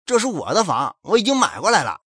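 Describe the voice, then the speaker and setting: A man's voice: sits high, huge pitch swings, fast, pushed and bright, husky, no room sound, studio quality, voice pushed up, heavily acted. A man voicing a brazen, bullying squatter who talks brusquely and dismissively.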